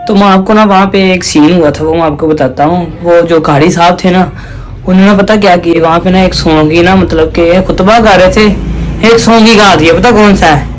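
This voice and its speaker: Young male vlogger with a high voice, loose chatty delivery, keeps checking "okay?". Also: normal speed, faint music behind. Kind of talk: casual vlog chat.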